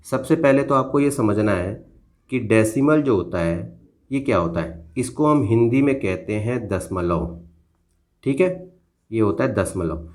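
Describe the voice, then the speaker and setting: A man's voice: on the low side, animated, measured pace, a little mellow. A man teaching a school math lesson, patiently addressing his pupils as children and checking they follow after each step. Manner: patient, addresses pupils as "beta" and checks "theek hai na" often. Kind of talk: classroom lesson explained at a board.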